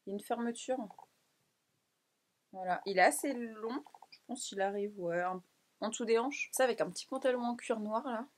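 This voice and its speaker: A young woman from France, chatting excitedly and casually through a fashion haul vlog, with frequent laughs and quick asides. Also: a little high, a little hiss or hum. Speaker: fashion vlogger.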